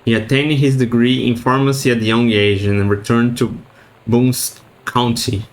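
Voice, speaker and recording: A male streamer chats casually while playing through a game. He reads notes aloud haltingly and trips over unfamiliar words. His voice sits at an ordinary middle pitch. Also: flat delivery, low-quality recording. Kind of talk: casual let's-play commentary.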